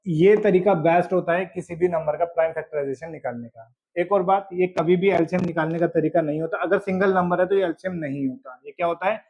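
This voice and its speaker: High-voiced man teaching math step by step. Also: fairly quick, few pauses, darkish tone, husky. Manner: explains step by step, checks in with "ठीक है". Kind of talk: board-exam math lesson. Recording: dull lo-fi audio.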